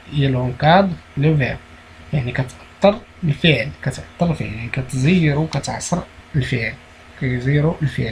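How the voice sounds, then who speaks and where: A man with a Moroccan accent, teaching a primary school French lesson, explaining slowly and repeating key words. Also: medium pitch, a little mellow, a little hiss or hum, poor audio.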